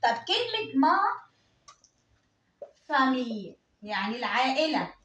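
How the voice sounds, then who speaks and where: Brief: Egyptian woman French teacher, high voice, echoey room, explains step by step. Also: big pitch swings, unhurried, a bit bright, slight background noise. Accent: Egyptian Arabic. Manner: explains step by step, asks and answers her own questions. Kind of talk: classroom exam-prep lesson.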